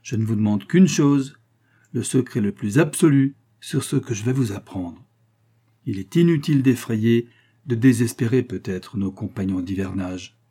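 A man voicing a calm, steady middle-aged male lieutenant in an audiobook, speaking in a tranquil, measured way. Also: mid-range voice, husky, close to an everyday voice.

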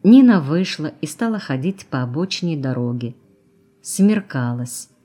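Woman, audiobook narration, even, measured reading. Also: deep voice.

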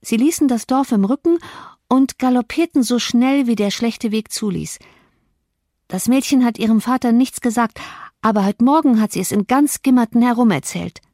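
A flustered, thoughtless young housemaid, as a woman reader puts her on, babbling in a high, excited voice. She rushes her words with little care. The sound is dry and close. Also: dry recording, lightly acted. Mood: breathless.

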